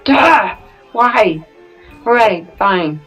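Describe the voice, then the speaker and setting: A woman's voice: mid-range voice, expressive, extremely slow, fairly bright tone, husky, faint music behind. A woman chatting casually as a player in a tabletop game.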